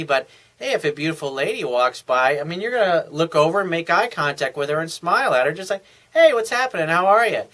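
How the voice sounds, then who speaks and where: Tired male coach, casual rambling advice, bright edge, a bit high. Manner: loose, conversational, with many fillers and restarts. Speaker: dating coach.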